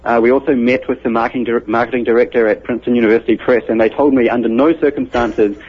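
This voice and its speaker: A computer scientist with a New Zealand accent, a guest on an interview, unpacks his ideas in a patient, methodical fashion. His mid-range voice is husky, fast and fairly even in intonation, coming through as muffled radio broadcast audio.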